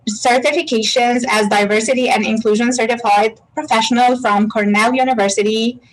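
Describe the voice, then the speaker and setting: A woman hosting an online panel, reading out a guest introduction in a measured way. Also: a little high, a bit bright, poor audio. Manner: measured, reads quotes slowly.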